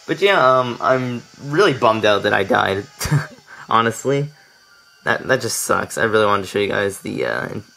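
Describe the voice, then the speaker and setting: A man's voice: lowish voice, normal speed, vocal fry, pushed and bright, poor audio. A young man casually commentating his gameplay, chatty and laughing often, tripping over his words. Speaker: let's play commentator. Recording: faint game music behind.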